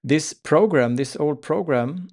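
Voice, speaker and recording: Guy teaching spiritual stuff, creaky gravelly voice, talks in halting little chunks. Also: on the high side, a little mellow. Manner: halting, with pauses mid-phrase. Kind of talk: informal spiritual talk with demonstration.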